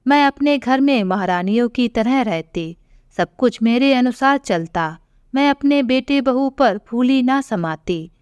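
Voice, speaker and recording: A woman voicing a frail elderly widowed mother who speaks softly and tearfully in an audio story. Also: a little high, animated, unhurried, clear, resonant tone, no echo, studio quality. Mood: sorrowful.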